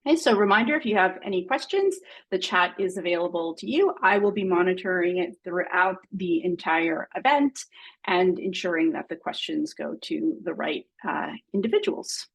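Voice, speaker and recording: Woman from Mexico, webinar host on a video call; hits stressed words high, trails off quietly. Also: expressive, moderate pace, creaky, breathy edge, low-quality recording. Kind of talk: hosting an online webinar.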